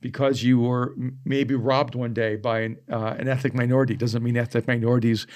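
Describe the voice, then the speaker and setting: A man's voice: mid-range voice, level tone, fairly quick, darkish tone. A middle-aged man from El Salvador, earnestly telling stories in a casual podcast conversation. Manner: earnest storytelling. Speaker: podcast co-host.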